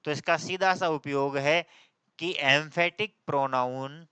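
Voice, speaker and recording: Male grammar teacher, slightly high and very slow, quizzes his class and dictates notes on a dry close mic. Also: sharp tone, clean tone, no echo. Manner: asks the class questions and answers them himself; slows to a dictating drawl while writing. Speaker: English teacher. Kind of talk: Hindi-English grammar lesson.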